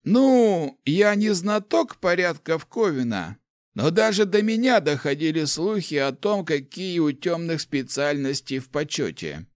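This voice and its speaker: A man's voice: on the high side, big pitch swings, unhurried, no echo, clean studio sound, voice pushed up. A man voicing a grumpy, gloomy old male mage who grumbles his lines in an audiobook. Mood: grumbling. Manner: grumbling, growling. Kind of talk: audiobook character voice.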